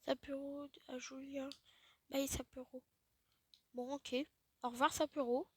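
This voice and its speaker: A woman giving casual gaming commentary, chatty and self-mocking, often dropping into quiet muttered asides. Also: sits high, flat delivery, measured pace. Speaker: let's play host.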